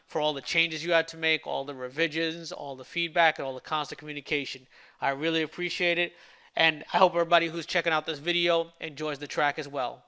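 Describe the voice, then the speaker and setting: In this relaxed devlog, a male indie developer explains his game with a smooth, bright, forceful voice on the higher side. He occasionally trips over words, his speech a bit slurred from a swollen lip.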